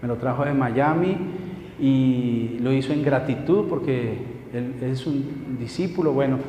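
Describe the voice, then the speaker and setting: A man's voice: mid-range voice, a little slow, mellow, muffled recording. A middle-aged man preaching a sermon, telling stories emphatically and asking the congregation questions. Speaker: pastor. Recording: echoey hall with long reverb, faint noise.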